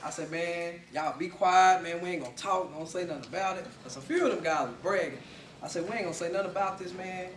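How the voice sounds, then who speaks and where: A young man giving a lively personal story speech to a class, often laughing as he tells it. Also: high voice, fast talker, recorded from a distance, background noise. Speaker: student speaker. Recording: echoey room, mic from afar.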